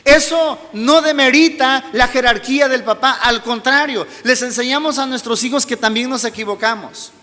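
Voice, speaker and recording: Pastor guy preaching, highish voice, soft low storytelling bits, big church echo. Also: normal speed, few pauses. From Mexico. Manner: storytelling, drops to soft low tones in personal anecdotes. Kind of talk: sermon. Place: church hall.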